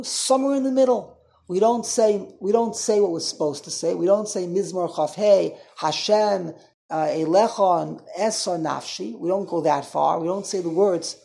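A man teaching an informal Torah class as a rabbi, talking in an animated way and repeating himself. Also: sits high, creaky. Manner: animated, repetitive, mixes Hebrew and Yiddish terms.

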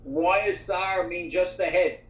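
A man's voice: sits high, unhurried, a bit bright. A man in a class asking short questions over a video call, his voice breaking up and cutting in and out. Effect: voice breaking up over a bad video call line. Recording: echoey, distant call audio cutting in and out.

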